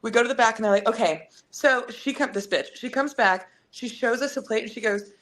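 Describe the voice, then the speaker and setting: Woman, casual podcast chat, bright and forceful voice, rambling storyteller. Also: a little high, brisk. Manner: rambling, animated storytelling with many fillers.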